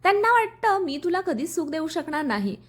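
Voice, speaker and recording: A woman's voice: very high-pitched, sing-song, brisk, pitched above the performer's own voice. A woman voicing a hurt, shy young wife in a storybook reading, speaking tearfully and hesitantly.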